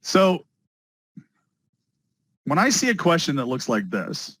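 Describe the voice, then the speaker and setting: An energetic male instructor teaching a live class, his pitch a little high and swinging widely as he talks. The sound is dry and close, with no room around it. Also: takes it slowly, breathy edge, no echo, rough recording. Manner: energetic, talks to students with repeated phrases. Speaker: test prep instructor. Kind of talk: live online class lecture.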